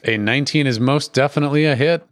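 A man's voice: mid-range voice, quick pace, background noise. A man in his forties from Milwaukee with an American accent, running a tabletop game as host and game master in a rambling, sweary, casual way. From Milwaukee, USA.

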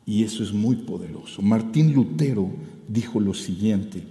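Man, pastor, sermon, animated and emphatic, roomy church hall echo. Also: lowish voice, normal speed. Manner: animated, rising to emphatic peaks. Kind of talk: preaching a sermon. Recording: roomy hall with long reverb.

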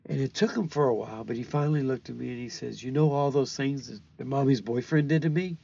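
An older man with a gravelly, husky voice tells a personal story in a halting, earnest way, often doubling back on his words. His pitch sits in the middle of the usual range for a man, and the slightly dull, lo-fi recording takes some brightness off his voice.

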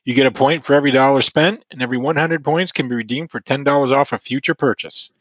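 A man reading an advertisement in a steady, upbeat promo style. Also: mid-range voice, quick pace, no echo, lo-fi sound. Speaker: ad reader. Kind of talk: read advertisement.

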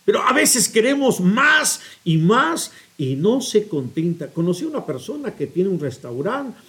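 Animated, high-voiced male preacher. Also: measured pace. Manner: expressive, storytelling, appeals directly to listeners. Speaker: priest.

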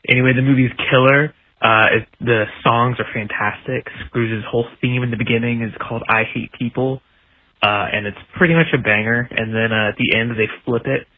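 A man's voice: medium pitch, breathy edge, no echo. A man calling in over a phone line with an eager, slangy movie recommendation. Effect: voice message over a phone line. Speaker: caller to a podcast.

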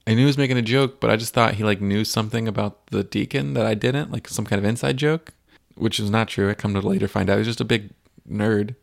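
A man with a gravelly, rough-edged voice chats casually as a podcast co-host. He drifts into long, rambling stories full of fillers. His voice sits fairly low. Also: fast. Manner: rambling storyteller, many fillers. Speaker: podcast co-host and youth minister. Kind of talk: casual chat.

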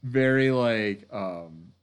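A man co-hosting a casual podcast chat. His voice sits low but swings widely in pitch. He is animated and giggly, padding his points with filler words. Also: very slow, smooth. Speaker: podcast co-host.

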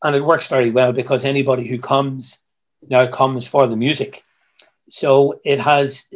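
A man, a musician guest who tells stories in a halting way, repeating words, heard over a video call. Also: mid-range voice. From Ireland. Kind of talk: casual interview chat.

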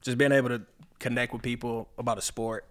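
A man's voice: medium pitch, flat delivery, fairly quick. Laid-back young Southern man. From Georgia, US. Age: young adult. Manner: laid-back, short answers. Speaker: guest, former college football player. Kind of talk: casual interview chat.

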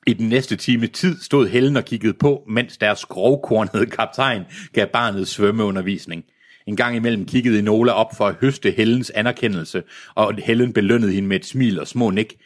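A man reading a novel aloud in a casual way, stumbling now and then and breaking off with self-mocking asides. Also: lowish voice. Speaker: reader.

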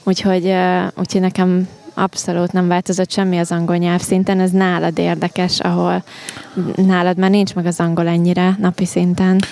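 A woman's voice: lowish voice, monotone, creaky, warm tone. A woman talking in a casual, conversational style. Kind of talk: casual chat.

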